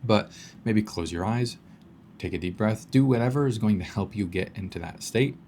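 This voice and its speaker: Low-voiced man coaching casually. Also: normal speed, dark tone, a little hiss or hum. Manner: conversational, guides listener through exercises, occasional swearing. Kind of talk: casual spoken self-help talk.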